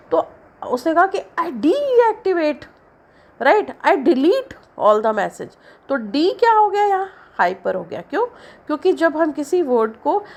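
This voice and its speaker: A woman teaching an English syllabus lesson in Hindi, explaining slowly and stretching out the example words. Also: fairly high pitch.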